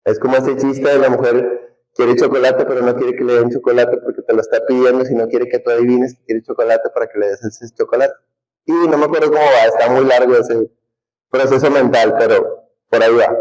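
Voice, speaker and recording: A man's voice: mid-range voice, little pitch movement, brisk, a little mellow, lo-fi sound. A man teaching a humanities class, talking conversationally and putting questions to the students. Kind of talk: classroom lecture.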